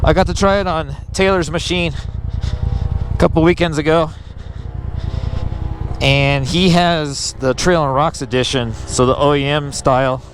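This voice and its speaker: A man's voice: on the high side, a little slow, long pauses. A man giving casual, slangy vlog commentary while driving an off-road vehicle outdoors. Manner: informal, slangy. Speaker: off-road vlogger and driver. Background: vehicle engine and outdoor noise.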